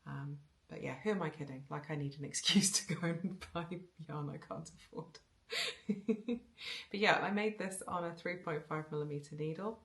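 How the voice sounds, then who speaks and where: A woman's voice: low voice, normal speed, fairly bright tone. A woman with a Home Counties English accent who chats casually about her knitting, rambling with restarts. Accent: generic Home Counties English. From South Wales. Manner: chatty, rambling, with fillers and restarts. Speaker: knitting podcaster.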